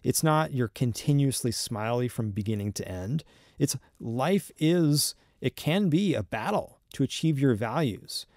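A young man speaking as a podcast guest, explaining his ideas earnestly and taking his time. He often restarts a phrase as he thinks. His voice sits at a middle pitch and is recorded close and dry. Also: animated, darkish tone, no echo. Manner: earnest, measured, with frequent restarts. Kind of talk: thoughtful conversational explanation.

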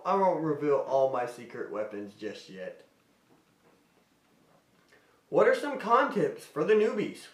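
This man's voice leans high, and he sounds far from the microphone in a roomy space. Chatting through fan questions for his vlog, he rambles amiably and keeps interrupting his own sentences.

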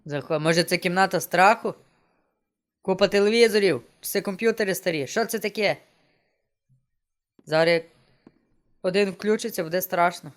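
A man's voice: high-pitched, normal speed, long pauses. A man streaming a game and chatting casually to himself, joking as he plays. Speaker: gameplay streamer. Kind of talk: casual let's-play commentary. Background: game music.

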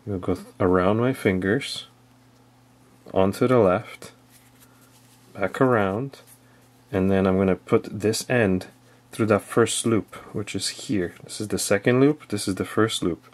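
A man giving a casual how-to demonstration as an outdoor skills instructor, explaining plainly step by step with some fillers. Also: fairly low pitch.

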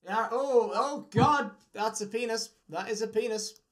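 Speaking in a very high-pitched, slightly bright voice, unhurried in his pace, a British man in his 20s works as a magician chatting casually with strangers over video. He's recording from a small room in his home.

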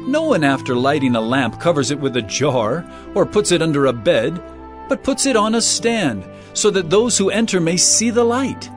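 This fairly high male voice belongs to an earnest teacher of authority in an audio Bible drama, very animated yet solemn and deliberate. His delivery swells and dips expressively over prominent music, in a spirit of earnest teaching.

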